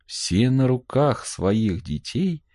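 A man giving a measured, theatrical recital of a narrative poem. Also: medium pitch, very animated, dark tone, dry recording, clean studio sound. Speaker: poetry reader. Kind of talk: expressive poetry recital.

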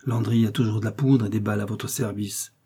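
A man's voice: on the low side, steady tone, fairly quick, mellow, breathy edge. A man reading the part of a devoted, emotional farmer who speaks effusively to his master. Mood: eager. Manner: tearful, effusive. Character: emotional devoted male farmer, loyal servant.

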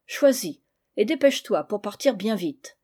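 An anxious, tender young mother, earnest and quick to lose heart, voiced by a woman reader. She sounds warm and mellow, holding firm in a storybook tale. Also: medium pitch, expressive, breathy edge. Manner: earnest and worried, firm with her child. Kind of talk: audiobook reading of a classic novel.

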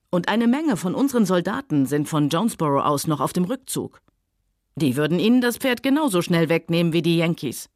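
Woman voicing a mocking worldly gentleman, low voice, cool sardonic delivery, dry close recording, audiobook. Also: no room sound, lightly acted. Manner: sardonic, cool, later soft and soothing. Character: Rhett Butler, mocking, worldly Southern gentleman.

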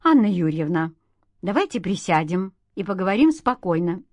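Woman doing a stern older guy, low slow curt voice, dry recording. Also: big pitch swings, dry recording. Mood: restrained. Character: stern older man, lover of a young woman.

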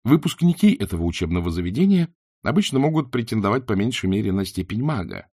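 Husky, expressive male narrator. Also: fairly low pitch, quick pace, dry recording, clean studio sound. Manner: expressive storytelling. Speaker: audiobook narrator. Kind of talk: scripted narration.

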